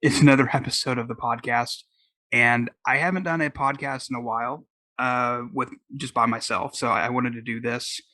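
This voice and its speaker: Here the Oklahoma podcast host talks at a moderate pace in a steady, sharp, medium-pitched voice with a Southern US accent. It's casual solo podcast rambling full of restarts and fillers, recorded with no room sound.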